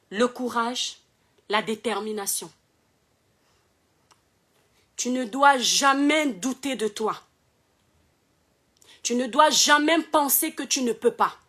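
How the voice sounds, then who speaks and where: A young woman, hoarse from shouting, giving preachy motivational advice and repeating phrases for emphasis. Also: fairly high pitch. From Cameroon. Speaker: online personality. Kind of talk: motivational video monologue.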